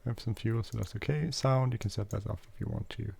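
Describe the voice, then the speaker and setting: He talks fast, his low voice creaky and darkish with a breathy edge. This non-native English-speaking flight sim video host casually walks viewers through a flight simulator in a gameplay walkthrough, hesitant and filling the gaps with fillers and self-corrections.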